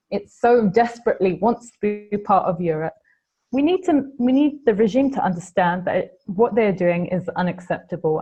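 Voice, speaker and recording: A woman from Palestine giving a measured conference talk over a video call, with frequent ums and restarts. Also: medium pitch, warm tone, breathy edge, lo-fi sound. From Palestine, Galilee. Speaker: panel speaker, political analyst.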